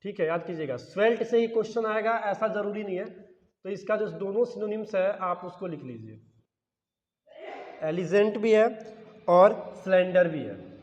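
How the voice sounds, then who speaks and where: High-voiced male teacher, echoey lo-fi room. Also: moderate pace, a little mellow. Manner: repeats key words as questions to the class. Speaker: English teacher for exam prep. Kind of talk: explanatory classroom-style lesson.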